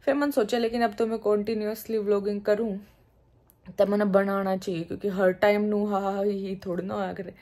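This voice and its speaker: A woman's voice: mid-range voice, warm tone. A woman in her thirties with a Haryanvi accent, chatting casually to her phone camera at home in a homely, laughing way. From Haryana, India. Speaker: vlogger. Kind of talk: casual vlog talk to camera. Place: indoors at home, seated. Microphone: phone held at arm's length.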